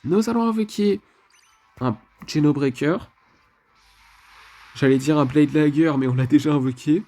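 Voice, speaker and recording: A man's voice: a little high, unhurried, dark tone. A man giving casual commentary over his mobile game match, chatty and leaning on filler phrases. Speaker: mobile game channel host.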